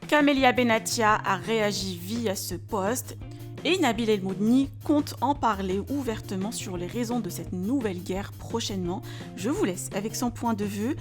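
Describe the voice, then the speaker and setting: A woman reads celebrity gossip in a brisk, matter-of-fact scripted narration, at an ordinary middle pitch. Loud background music plays under her voice throughout. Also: expressive.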